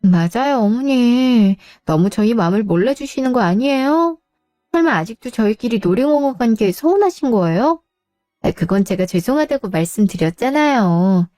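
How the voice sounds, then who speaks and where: A woman's voice: a little high, animated, moderate pace, mellow, no echo, studio quality, faint music behind, close to an everyday voice. A woman doing a needling young daughter-in-law. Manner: polite on the surface, needling. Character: young daughter-in-law, sweetly condescending schoolteacher. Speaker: daughter-in-law in a radio drama.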